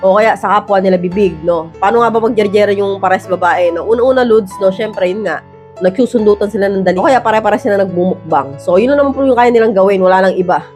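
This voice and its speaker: A woman hosting an advice vlog in a casual, blunt way. She keeps checking in with tag questions, and her voice has a roughened edge from years of rapping. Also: medium pitch, darkish tone, soft background music. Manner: rapid, blunt delivery she calls man-like. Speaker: advice vlogger, host. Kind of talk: casual advice talk to viewers.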